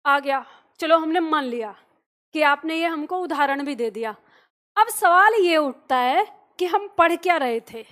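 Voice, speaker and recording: A woman's voice: high-pitched, lively intonation, a little slow, a bit bright. A woman teaching a Hindi grammar video lesson. She keeps asking the viewer rhetorical questions and draws out vowel sounds to demonstrate them.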